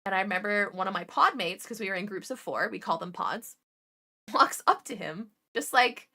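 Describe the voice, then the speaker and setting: A woman's voice: medium pitch, lively intonation, moderate pace, bright, forceful tone. A woman who used to be an ICU nurse, telling stories in a chatty, profane way while painting miniatures. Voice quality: chatty, profane, laughs often.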